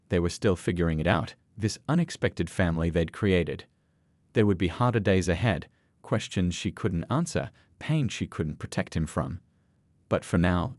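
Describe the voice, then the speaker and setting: A man narrating a scripted story in a measured, expressive way. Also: fairly low pitch, no echo.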